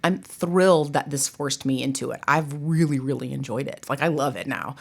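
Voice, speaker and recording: With an extremely low, creaky voice at normal speed, this woman, a theater professor and director, speaks as a guest in an interview. She's chatty and emphatic, drifting into conversational asides and leaning on "like" and "you know."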